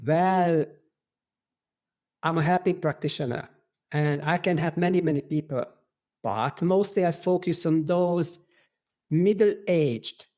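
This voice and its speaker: A middle-aged man from Hungary with a strong Hungarian accent, a podcast guest who talks in an earnest, halting way. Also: fairly high pitch, a little mellow. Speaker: podcast guest, qigong instructor.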